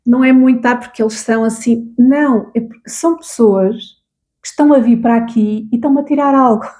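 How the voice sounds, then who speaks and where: Chatty Portuguese woman, warm voice. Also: fairly high pitch, a little fast. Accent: European Portuguese. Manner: chatty, explains with frequent tag questions. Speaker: co-host of a therapy talk. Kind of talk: casual conversation.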